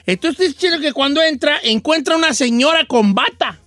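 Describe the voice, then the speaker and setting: Animated radio host telling a story. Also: male voice, very high voice, normal speed, no room sound, faint music behind. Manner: animated, acts out voices in the story, laughs often. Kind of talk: comic storytelling chat.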